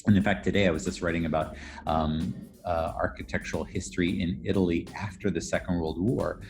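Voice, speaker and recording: With soft music in the background, this professor of architectural history talks briskly in a deep, steady voice. He is being interviewed and lays out his ideas with care and eloquence, reworking his phrasing as he speaks.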